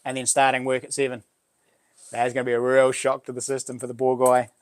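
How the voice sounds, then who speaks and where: Talking brisk and completely flat, this middle-aged man has a clear, resonant mid-range voice. He's a livestream host with a broad Kiwi accent, chatting to viewers in an easygoing, slangy, mate-to-mate way.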